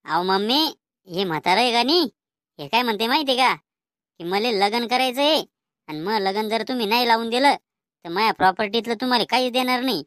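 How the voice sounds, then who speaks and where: A woman's voice: a little high, lively intonation, a little fast, pauses often, a bit bright, no room sound. Woman playing a cheeky young grandson, Vidarbha Marathi accent, teasing and mocking, cartoon comedy, dry close recording.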